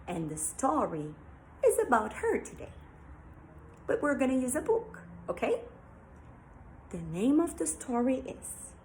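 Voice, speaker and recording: Slow, sing-song woman storyteller. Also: a little high, a little hiss or hum, poor audio. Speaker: storyteller for young learners. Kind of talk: children's storytelling.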